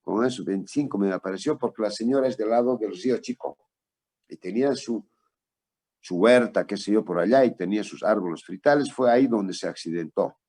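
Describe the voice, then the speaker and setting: A man's voice: on the low side, dark tone, husky. A man lecturing on traumatology, telling a patient case in a conversational way and asking for the next slide.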